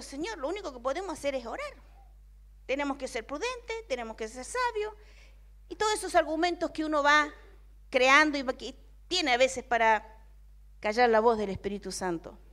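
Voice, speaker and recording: A young woman with an Argentine accent preaching a sermon as a personal testimony, moving from hushed, quoted prayers to emphatic declarations. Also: high-pitched. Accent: Argentine Spanish.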